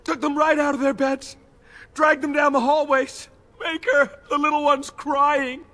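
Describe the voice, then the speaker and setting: A woman's voice: high voice, flat delivery, measured pace, a bit bright. A woman voicing a frightened elf woman in a video game, nervous and pleading. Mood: fearful.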